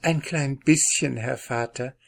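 Young princess, gentle and soft, quiet voice, slow storybook, put on by a man. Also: medium pitch, gravelly, breathy edge, pitched above the performer's own voice, heavily acted. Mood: coy.

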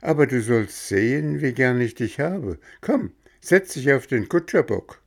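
A man voicing a fat little coachman who coaxes children with a soft, flattering voice. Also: mid-range voice, a little slow, gravelly, pitched above the performer's own voice. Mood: wheedling. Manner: soft, coaxing and wheedling.

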